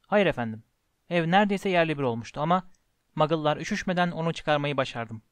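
A man voicing a huge, gentle giant who is deferential and stammers when upset. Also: fairly high pitch, lively intonation, fast talker, no echo, close to an everyday voice. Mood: respectful.

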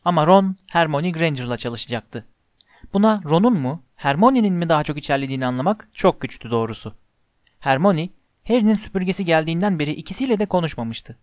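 Guy reading a storybook aloud, steady and measured, kinda high voice, dry close sound. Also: dry recording. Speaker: audiobook narrator. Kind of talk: scripted storybook narration.

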